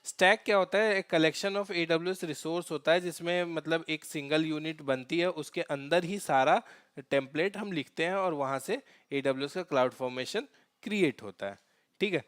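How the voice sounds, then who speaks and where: A man walks through a cloud tutorial on a screen share, pausing often on fillers and restarting his sentences. His voice sits fairly high and comes across smooth and resonant. The recording is close and dry. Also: a bit bright, dry recording. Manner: halting, many fillers and restarts. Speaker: DevOps tutorial instructor.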